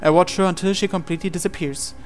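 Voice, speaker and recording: A man reads a visual novel aloud over music for a let's-play, telling it in the first person with earnest, theatrical drama. His voice is fairly high and quick, though his intonation stays fairly even.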